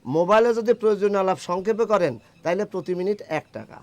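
An actor playing a cheeky shopkeeper. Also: male voice, high voice, fast talker, darkish tone, highs cut off, lightly acted. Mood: teasing. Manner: wry, bargaining, teasing. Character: cheeky young male phone-shop owner, a wisecracking stickler for rules. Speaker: phone shop owner.

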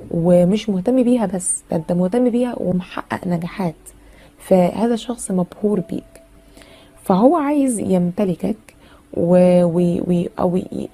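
A woman's voice: medium pitch, mellow, slightly rough. A woman with an Egyptian Arabic accent giving a chatty, casual tarot reading full of fillers and teasing asides. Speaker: tarot reader.

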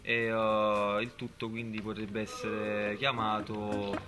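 A man's voice: on the low side, monotone, takes it slowly. A young man explains a project to camera in a formal but hesitant way. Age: young adult. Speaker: project spokesperson. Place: outdoors beside an unfinished building. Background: music.

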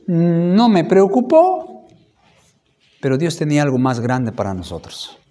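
A pastor in his thirties giving a sermon testimony, telling his story with lively acted-out dialogue. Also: fairly high pitch, measured pace. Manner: animated storytelling, acting out dialogue.

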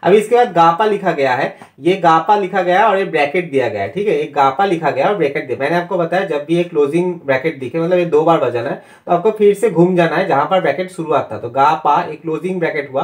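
A young man with an Indian accent and a fairly high voice teaches a harmonica lesson. He speaks patiently, explaining notation step by step, and slows down to call out note names one at a time.

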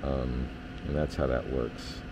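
Speaking slowly in a bass voice, a man who is an HVAC technician explains the system readings in a relaxed, hands-on way near the furnace in a basement. He uses lots of fillers, and background noise can be heard.

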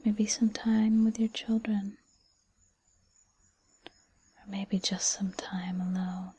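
A woman playing a gentle, patient fairy godmother in a whispered role-play, with a breathy whisper and a soothing, encouraging manner. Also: mid-range voice, little pitch movement, dry recording. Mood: gentle, reassuring. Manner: soothing, encouraging, unhurried second-person address.

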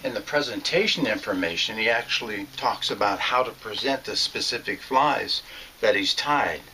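A lowish, sharp-toned male voice at a moderate pace narrates a fly fishing lesson. The older man teaches from a small room at home with shelves, plain and earnest, with some fillers and false starts, and a faint hiss or hum can be heard.

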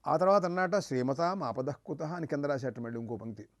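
A man's voice: fairly high pitch, fast talker, dry recording, studio quality. A man giving a spiritual discourse, chanting verses and acting out short voices in his stories. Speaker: spiritual teacher. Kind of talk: devotional discourse.

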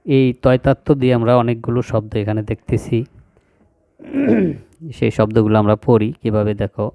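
A man teaching young children to read, spelling out each syllable slowly and repeating every word. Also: fairly low pitch, little pitch movement, dark tone, clear, resonant tone, no room sound, studio quality. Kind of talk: slow phonics lesson for young children.

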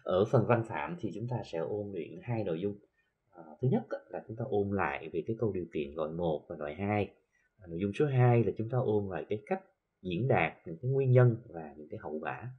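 A man with a Southern Vietnamese accent teaching an English lesson, explaining slowly with many filler sounds and reading English examples carefully. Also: fairly low pitch, animated, husky, phone-quality sound. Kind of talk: recorded classroom lesson for TV.

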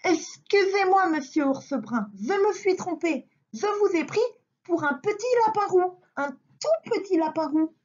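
A woman's voice: very high voice, expressive, a little slow, voice pushed up. A woman voicing a hungry, blustering big bad wolf who roars threats and turns meek. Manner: shouting threats, then meekly pleading. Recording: dull lo-fi recording.

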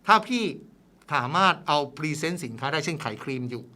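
A man's voice: on the high side, brisk. A man talking as a guest expert on a radio talk show, explaining casually and dotting his sentences with polite fillers. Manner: lively explaining, many "na khrap" fillers.

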